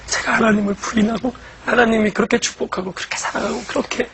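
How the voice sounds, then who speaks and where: A man, a church deacon, telling his personal faith testimony in an earnest, emotional way, going from hushed to loud. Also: very high voice, flat delivery, fast talker, heavy background noise.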